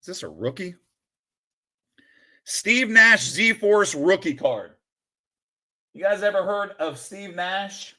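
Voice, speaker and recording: A bright, high-ish male voice that swings widely in pitch while he commentates on a live stream. He calls out names slowly and deliberately, then drops into low muttered asides. His excitement comes in bursts. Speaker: sports card streamer opening a collection.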